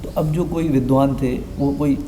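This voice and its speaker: Brief: male listener, very dark and slow, short agreeing replies, echoing hall. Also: mid-range voice, fairly even intonation, slight background noise. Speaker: listener asking questions.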